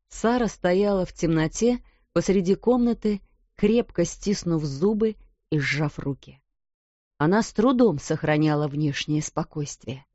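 Female storybook reader, measured and calm; dry close mic, dull audio. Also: fairly low pitch, no echo. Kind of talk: scripted storybook narration.

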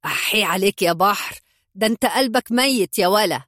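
A woman's voice: mid-range voice, animated, a little fast, fairly bright tone, no echo, studio quality. A woman voicing a curt, irritable male gang boss with an Egyptian accent in a storybook. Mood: domineering. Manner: curt, bossy, coarse.

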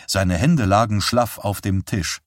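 A man narrates a novel in a low, measured voice. His delivery is even and steady. The sound is dry and close, with no room around it. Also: dry recording. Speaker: audiobook narrator.

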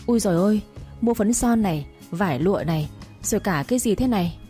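A woman's voice: expressive, fast talker, warm tone, soft background music, natural voice. A woman voicing a cruel, domineering older matriarch who scolds and sneers in a storybook reading. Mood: scolding. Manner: scolding, shrill and scornful.

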